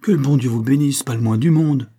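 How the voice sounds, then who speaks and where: A man voicing a chatty, blunt young coachman in a French audiobook reading, with a husky tone. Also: medium pitch, a little fast, mellow, close to an everyday voice. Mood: eager.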